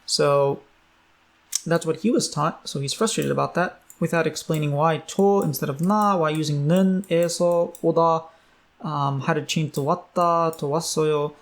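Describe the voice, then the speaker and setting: A man's voice: on the high side, fairly even intonation, brisk. A man teaching a language in a casual online lesson, loose and chatty with many ums.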